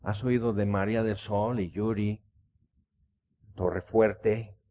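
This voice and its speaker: A man's voice: fairly low pitch, fairly even intonation, slow pace, mellow. A man preaching a sermon, telling stories with passion. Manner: impassioned storytelling preaching. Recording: dull lo-fi recording.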